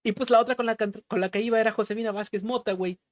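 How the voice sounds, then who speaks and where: Young Mexican male co-host, slangy casual political banter, somewhat high pitch, dry close recording. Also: fairly even intonation, racing, no echo. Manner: slangy, peppers talk with "güey". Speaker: podcast co-host.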